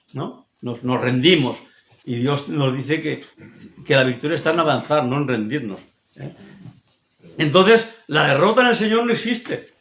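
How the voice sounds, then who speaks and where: A man from preaches a sermon in a fairly high voice, emphatic and repetitive, often checking in with his listeners. His voice rings through an echoey church hall. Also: creaky, a bit bright. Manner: emphatic, repetitive, frequent tag questions.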